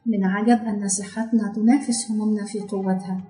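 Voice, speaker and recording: Woman narrating with a dark mellow tone. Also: medium pitch, steady tone, brisk. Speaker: audiobook narrator. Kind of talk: scripted literary narration. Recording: roomy echo, faint background music.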